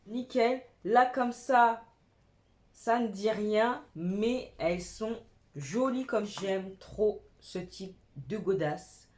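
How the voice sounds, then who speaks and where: A young fashion vlogger talks through her secondhand clothing haul in a casual, enthusiastic way, peppering it with slang. Her mid-range voice is a little mellow, and she draws out her words.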